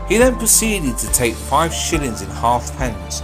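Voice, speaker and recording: A man's voice: medium pitch, big pitch swings, a little slow. A man reading a scripted historical ghost-story narration. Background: music.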